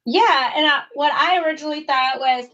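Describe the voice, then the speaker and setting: A woman's voice: sits high, brisk, a bit bright. A woman heard over a video call as a guest puzzle solver, thinking aloud in long run-on explanations. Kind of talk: casual interview answers. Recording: muffled distant video call audio.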